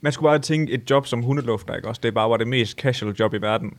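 A young man co-hosting a podcast, joking animatedly with a friend and swearing freely. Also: medium pitch. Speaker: podcast co-host. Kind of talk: casual chat.

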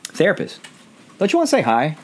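Hoarse man hosting, lively rambling talk. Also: medium pitch, measured pace. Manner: jokey, rambling, self-deprecating. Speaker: podcast host. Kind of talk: casual chat. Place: home.

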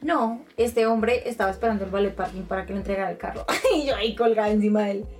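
A woman, chatting casually as co-host and telling expressive stories, acting out quotes. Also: mid-range voice, quick pace, recorded from a distance. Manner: expressive storyteller, acts out quotes. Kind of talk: casual chat.

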